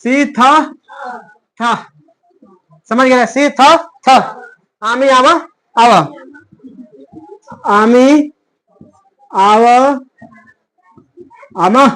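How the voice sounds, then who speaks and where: A man's voice: extremely high pitch, very slow, long pauses, sharp tone. A man teaching a Sanskrit grammar lesson in plain, rustic talk. He keeps asking a question and then answering it himself as a drill. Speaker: Sanskrit tutor.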